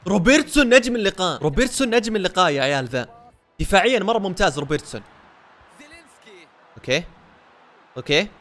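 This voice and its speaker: A young man giving live commentary on his own football video game match, excitable and breaking into shouts over goals. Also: sits high, quick pace, pauses often. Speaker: gaming YouTuber.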